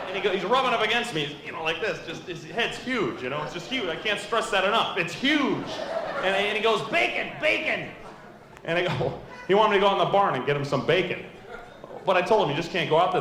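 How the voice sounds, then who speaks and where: A man with a high, lively voice spins absurd stand-up stories on a club stage, breaking into silly voices. His swooping delivery rings through an echoey room with steady background noise. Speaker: stand-up comic. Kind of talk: stand-up routine.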